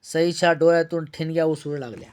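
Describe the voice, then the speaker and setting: A man narrating a novel aloud in a steady, measured way. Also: on the high side, a little hiss or hum.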